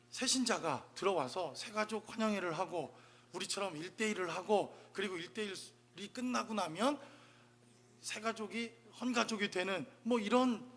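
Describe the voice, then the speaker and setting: A man's voice: high voice, pushed and bright. A male pastor delivering a Sunday sermon, asking the congregation rhetorical questions as he preaches.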